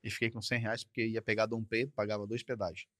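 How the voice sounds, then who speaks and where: Recorded in studio quality on a podcast mic with no room sound, a man who drives trucks shares a personal story as a guest. His voice is on the low side, level, and slightly bright, and he speaks quickly, conversationally and repetitively, tacking short questions onto his phrases.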